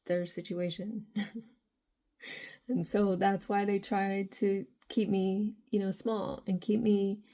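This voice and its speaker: A woman with a raspy voice giving a rambling tarot reading to viewers, full of filler phrases. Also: mid-range voice, dark tone. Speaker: tarot reader.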